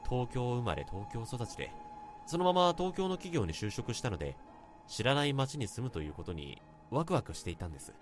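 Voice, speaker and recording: In a literary-style Japanese radio drama, an actor voices a sincere salaryman of 32 confessing a bittersweet love from his youth, polite and reminiscent. His medium-pitched voice swings widely and runs a little fast, lightly acted, with music in the background.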